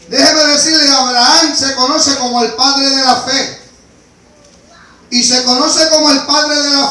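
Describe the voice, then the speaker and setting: A pastor preaches fervently, his voice very high and sharp, swinging from quiet talk to shouted praise. The sound echoes heavily through a large church hall, and he stands well away from the microphone. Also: distant mic. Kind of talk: sermon. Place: church sanctuary.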